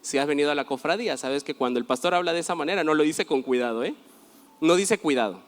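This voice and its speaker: A man pastor preaching a sermon, telling stories with animated quoted voices. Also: on the high side, fast talker, big-room sound.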